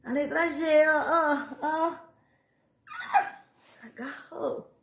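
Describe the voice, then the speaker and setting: A woman's voice: high-pitched, extremely slow, creaky, fairly bright tone, recorded from a distance. A woman in a casual monologue, rambling and repeating words as she explains letter sounds in names, laughing at herself now and then. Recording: echoey room, faint background noise.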